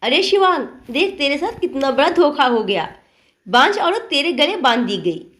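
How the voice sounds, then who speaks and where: A woman's voice: high-pitched, sing-song, normal speed, a bit bright. A woman voicing a strict, traditional middle-aged mother-in-law who lectures and scolds in a storybook tale. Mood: shocked shouting.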